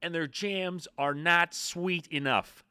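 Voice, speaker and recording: A man voicing an irate male internet commenter, reading a complaint in a loud, strained, slow rant. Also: a little high, steady tone, clean tone, no room sound, studio quality, voice pushed up, full character voice.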